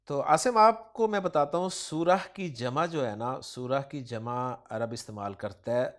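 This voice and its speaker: A man with a Pakistani Urdu accent teaching Quranic grammar, quizzing his student and praising each answer. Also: mid-range voice. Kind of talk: question-and-answer grammar lesson.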